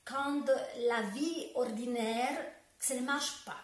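A woman in her forties with an Italian accent, speaking French as a second language in a slow, searching way that often restarts. Her voice sits a little high, and she talks unhurriedly. It is recorded from a camera a few metres off in an echoey room at home. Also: distant mic. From Italy. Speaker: dance teacher. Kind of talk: direct-to-camera video talk. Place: home room with bookshelves, indoors. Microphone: camera a few metres away.

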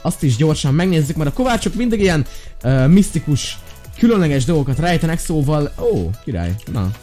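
A man hosting a gaming channel, giving excitable commentary, talking to his viewers and squealing with delight. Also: fairly high pitch, soft background music. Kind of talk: let's play commentary.

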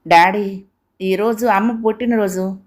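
A woman's voice: mid-range voice, fairly even intonation, unhurried, natural voice. Woman doing a young schoolgirl, plaintive, tearful, storybook reading. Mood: pleading. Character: young schoolgirl grieving her mother.

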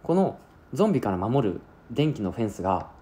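A man's voice: medium pitch, big pitch swings, brisk, mellow, natural voice. A man voicing an anxious young woman who explains urgently and breathlessly. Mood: alarmed.

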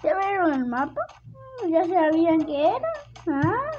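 A young girl giving casual gameplay commentary as she plays, excitable and prone to squealing with surprise. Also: very high voice, measured pace. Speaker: gameplay video host. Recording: lo-fi recording with clear background noise.

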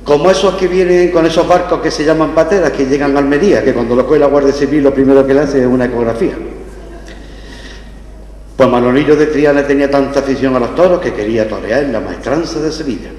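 A man's voice: medium pitch, quick pace, a little mellow, slight background noise. An older man with an Andalusian Spanish accent giving a festival address with comic anecdotes at a podium microphone. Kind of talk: public speech with comic anecdotes. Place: indoor hall at a lectern. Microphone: gooseneck podium microphones. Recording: echoey hall with long reverb.

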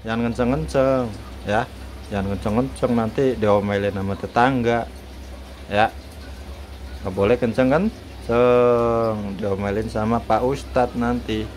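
A man's voice: lowish voice, steady tone, moderate pace, darkish tone, slight background noise. A man chatting playfully with his pet bird at home, coaxing it to repeat words and teasing it, recorded on a handheld phone. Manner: playful and teasing, laughs often. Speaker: bird owner and seller. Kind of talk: casual chat with a pet bird.

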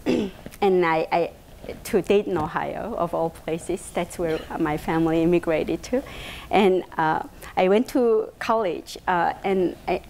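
A faint hiss or hum accompanies a woman's lowish, gravelly voice. She's a South Korean in her fifties with a Korean accent, an invited speaker giving a personal talk to an audience in a bright indoor meeting room. Her delivery is hesitant and filler-heavy, her hands animated.

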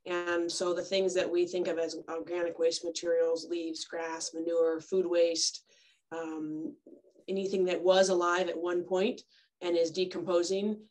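A woman's voice: fairly low pitch, level tone, a little slow, darkish tone, poor audio. A woman extension educator giving a friendly, step-by-step talk on compost over a video call. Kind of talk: informal webinar presentation.

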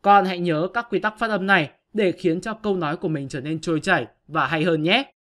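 Guy teacher walking kids through grammar, bright clear voice, patient and step by step. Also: sits high, a little fast. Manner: patient, step-by-step explanation addressing pupils. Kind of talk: online grammar lesson.

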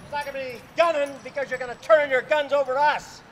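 A man's voice: very high voice, steady tone, fast talker. A man playing a stern, put-upon town marshal in a live comic Wild West show, firm and exasperated. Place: outdoors in a park. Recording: outdoor park show with noisy crowd.

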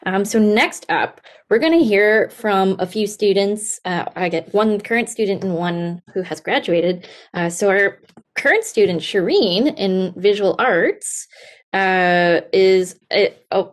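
A woman's voice: mid-range voice, unhurried. Young woman hosting an online event. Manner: enthusiastic, hesitant, with fillers. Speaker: host and instructor. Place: room at home. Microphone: laptop webcam on a video call.

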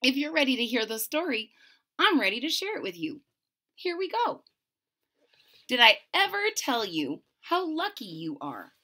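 Reading a children's picture book aloud in a small room at home, a woman in her forties uses a slightly high, sing-song voice with a sharp tone and a moderate pace. She hits key words with theatrical emphasis and tosses in casual asides along the way.

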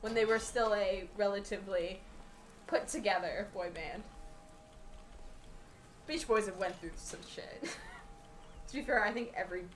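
A woman's voice: mid-range voice, measured pace, long pauses, reverberant, a little hiss or hum. A woman giving casual, joking, profane commentary while playing a video game. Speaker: let's play commentator.

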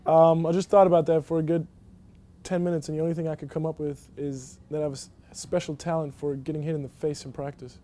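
A man's voice: a little high, level tone, fast talker, mellow, a little hiss or hum. A young man from Germany, a college basketball player, answering interview questions casually with many fillers and restarts. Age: young adult. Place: empty indoor basketball arena.

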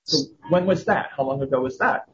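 A man's voice: medium pitch, brisk, a bit bright, lo-fi sound. A man interviewing a café worker for a podcast, asking curious follow-up questions and explaining context.

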